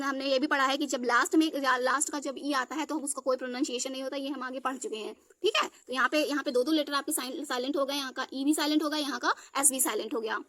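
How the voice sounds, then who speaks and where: A woman teaching a spelling lesson, her voice high and bright. She breaks each word into letters and often stops to check her students are with her. The sound is close and dry. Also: dry recording. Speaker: English teacher.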